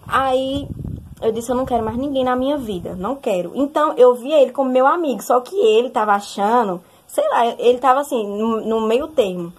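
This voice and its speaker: A young woman sharing a personal testimony in a casual, animated way, often turning to speak straight to her listeners. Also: a little high, a little fast, slightly rough. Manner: animated, addresses listeners directly.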